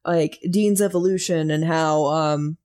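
A woman's voice: sits low, steady tone, a little slow, a little mellow. A young woman in casual fan chat, wry and rambling as she recaps, laughing often.

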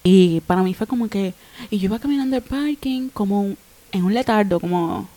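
A young adult woman, a podcast guest telling an emotional personal story in an animated way. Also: medium pitch, fairly quick. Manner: animated, acts out quoted voices.

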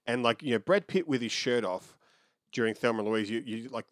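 A man trades joking asides in a loose podcast chat and keeps restarting his sentences. His voice has a middle pitch. It sounds dry and close to the mic. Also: brisk, dry recording. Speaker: podcast co-host. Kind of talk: casual chat.

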